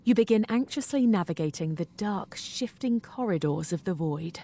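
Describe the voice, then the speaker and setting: A woman's voice: medium pitch, lively intonation, moderate pace, warm tone. A woman reading scripted second-person fantasy narration as a game narrator. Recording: music behind the voice.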